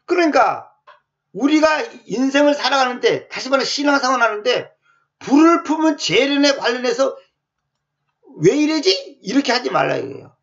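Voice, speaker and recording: A male pastor preaching a sermon in a colloquial, animated way full of rhetorical questions. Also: very high-pitched, brisk, vocal fry. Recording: muffled lo-fi sound.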